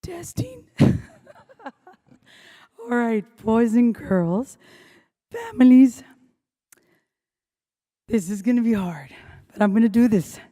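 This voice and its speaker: A woman school principal with a hoarse, strained voice gives an earnest, heartfelt welcoming address to students and families at a ceremony. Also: a little high, big pitch swings, slow pace, long pauses, dark tone. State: hoarse, losing her voice. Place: school event venue, indoors.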